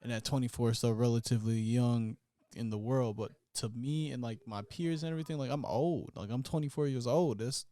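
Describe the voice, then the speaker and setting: A man in his twenties co-hosts a podcast, chatting casually in a laid-back, slangy way straight to his listeners. His medium-pitched voice is brisk and mellow.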